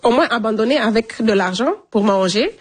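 A woman's voice: on the high side, lively intonation, fairly quick, husky. Woman telling her own story plainly. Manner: plain, repetitive storytelling with spoken fillers. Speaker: interviewee recounting her migration. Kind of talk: personal testimony in conversation.

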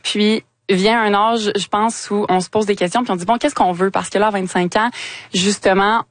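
Québécois woman, 25, earnest radio guest, mid pitch, dry studio sound. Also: fairly even intonation, normal speed, no room sound. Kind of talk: radio interview.

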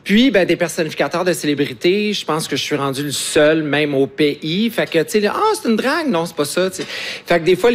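A man with a Quebec French accent talking casually and earnestly as an interview guest, explaining things plainly. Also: fairly high pitch. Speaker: guest, celebrity impersonator.

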